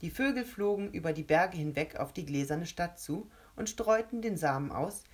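Low, husky woman reading a storybook. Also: expressive, normal speed. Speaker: narrator.

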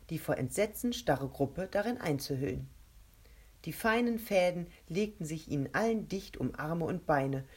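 A woman narrating an adventure story aloud in a steady, measured way. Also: sits low, slightly rough.

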